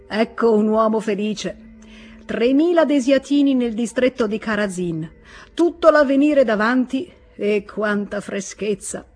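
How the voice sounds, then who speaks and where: A woman's voice: on the high side, unhurried, a little mellow, faint music behind, pitched above the performer's own voice. A woman reader voicing a jovial, hearty middle-aged official in a novel reading.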